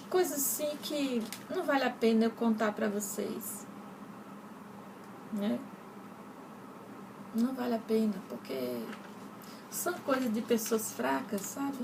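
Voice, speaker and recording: A woman's voice: high voice, slow, creaky, pauses often. A woman from Brazil, earnestly telling a personal faith testimony in a rambling way and speaking straight to her listeners. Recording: distant mic with noticeable background noise.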